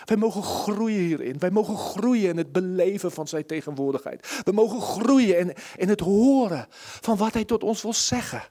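A man preaching a sermon at a church service, impassioned, moving between loud pleading and hushed near-whispers. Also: high voice, expressive, moderate pace.

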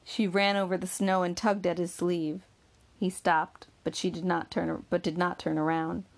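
A woman reading a novel aloud in measured, steady audiobook narration. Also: fairly low pitch, vocal fry.

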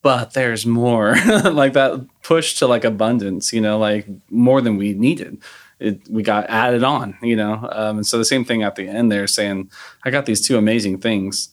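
A man's voice: lowish voice, steady tone, measured pace. A man hosting a podcast, easygoing and chatty, laughing often as he talks. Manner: easygoing, laughs often, many fillers like you know. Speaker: podcast host. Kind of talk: casual podcast chat.

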